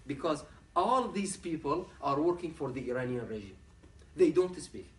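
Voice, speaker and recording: A human rights activist from Ahwaz, southwestern Iran, delivers a conference lecture in a university room. A native Arabic speaker, he uses earnest, plain, halting English with a slightly high, animated delivery. The mic sits far off in a reverberant room.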